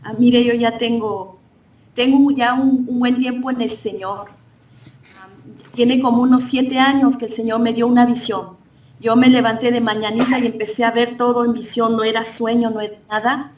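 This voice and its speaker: A woman's voice: a little high, little pitch movement, moderate pace, recorded from a distance. A woman earnestly recounting a spiritual vision as a church testimony, often restarting her sentences. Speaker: church member giving testimony. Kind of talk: religious testimony.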